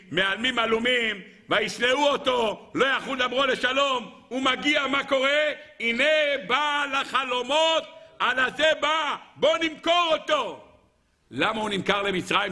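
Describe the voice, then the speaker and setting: A man giving a Torah sermon as a rabbi, emphatic, asking the audience rhetorical questions and swinging between a raised voice and a low one. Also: gravelly, sharp tone.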